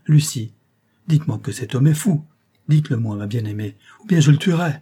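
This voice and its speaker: A man's voice: mid-range voice, lively intonation, fairly quick, mellow, husky. A man reading an audiobook, voicing an older baronet who cries out in anguish. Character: anguished old baronet, shaken and furious.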